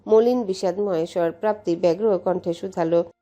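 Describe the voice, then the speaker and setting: A woman from Bangladesh narrating a romance story in a steady, measured way. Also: on the low side, muffled recording. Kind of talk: audiobook story reading.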